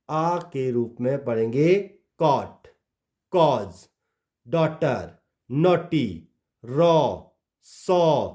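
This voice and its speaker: A man's voice: high voice, a little mellow. A man teaching English pronunciation, spelling out words letter by letter and dropping his voice at the ends of phrases. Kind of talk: slow spelled-out phonics lesson.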